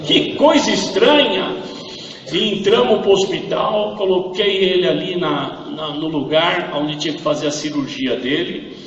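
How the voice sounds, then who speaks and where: A man's voice: a little high, moderate pace, recorded from a distance, dull audio, slight background noise. A man with a Brazilian Portuguese accent giving an emotional church testimony, acting out the dialogue as he tells the story. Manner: acts out dialogue, grows louder and impassioned. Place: church hall. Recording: echoey hall, voice from afar.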